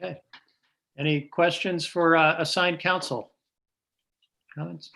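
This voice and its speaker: A man's voice: fairly high pitch, steady tone, measured pace, gravelly, sharp tone. A man chairing a remote committee meeting on a conference call, moderating procedure in a polite, informal way.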